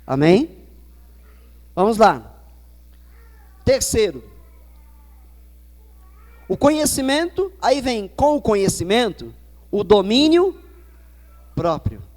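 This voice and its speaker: A pastor with a São Paulo Brazilian accent delivers a sermon in a fairly high voice. He hammers home key words through repetition and swells into loud proclamations. The sound carries the long reverb of a church hall. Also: huge pitch swings, slow pace, pauses often. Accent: Brazilian Portuguese, São Paulo. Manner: preaching with emphatic repetition, rising to loud declarations. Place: church sanctuary.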